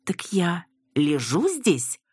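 Woman reading a tart older mother, nervous and sardonic, husky voice, lively pitch. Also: very slow, dry recording, clean studio sound, full character voice.

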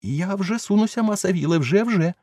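A squeaky, fearful old servant. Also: male voice, animated, moderate pace, darkish tone, no echo, clean studio sound. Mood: plaintive. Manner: plaintive, pleading, high squeaky voice. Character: fearful old male servant climbing a tree.

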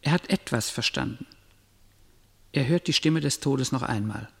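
Radio play narrator: solemn, creaky, medium pitch, heavily reverberant. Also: male voice, normal speed. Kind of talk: scripted dramatic narration. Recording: long echoing reverb.

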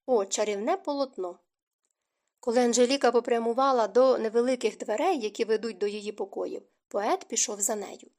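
A woman narrating a historical novel in a calm, measured audiobook reading. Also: fairly high pitch. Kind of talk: scripted narration.

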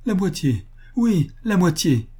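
A frantic older butcher begging for help, his voice pushed high above a male narrator's own low tone. Pleading and anguished, done by a man with a husky, dark voice, it sounds strained and urgent. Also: lively intonation, moderate pace.

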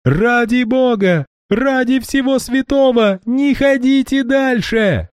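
A man's voice: deep voice, extremely slow, mellow, no room sound, studio quality. A man voicing a frightened, pleading young woman in an audiobook reading. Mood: desperate. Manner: trembling, pleading.

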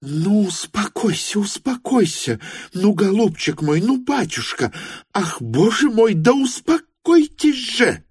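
Shrill, frantic older noblewoman, as a man puts her on in an audiobook, with wide swoops of pitch. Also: very animated, takes it slowly, husky, no echo, clean studio sound, heavily acted. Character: imperious agitated older noblewoman. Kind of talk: audiobook character voice.

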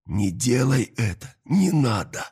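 A man's voice: on the low side, normal speed, creaky, mellow, breathy edge, heavily acted. A man doing a frightened young woman pleading.

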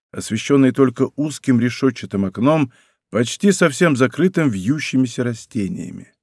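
A man narrating a historical novel in a measured, dramatic reading, recorded in a studio. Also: medium pitch, darkish tone, no echo. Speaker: audiobook narrator. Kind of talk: scripted narration.

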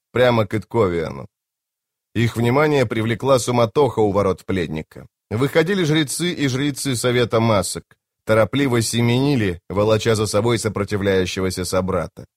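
A man narrating a fantasy audiobook in a dramatic, expressive way. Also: mid-range voice, normal speed, no room sound, studio quality. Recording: home-made audiobook.

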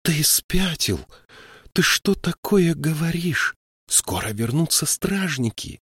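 A fiery young troll woman, as a male narrator puts her on in an audiobook, scolding in sharp outbursts. Her voice jumps up high and swings wildly, close and dry with no room around it. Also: very animated, unhurried, no echo. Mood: exasperated. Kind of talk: audiobook character voice.

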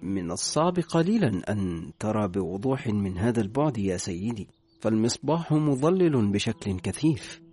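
A man's voice: fairly low pitch, sing-song, moderate pace, warm tone, breathy edge, soft background music. A male narrator voicing a formal, deferential manservant who speaks politely.

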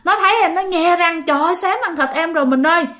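A woman's voice: high voice, animated, fairly quick. A woman with a Southern Vietnamese accent voicing a frightened young village wife who pleads breathlessly.

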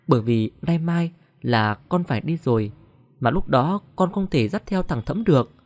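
A man's voice: a little high, darkish tone, no echo. A man voicing an older village mother who pleads through grief. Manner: choked, pleading.

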